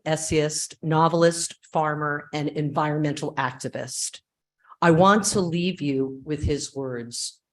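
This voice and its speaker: A resident reading an earnest, declamatory prepared statement as public comment at a city hearing. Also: mid-range voice.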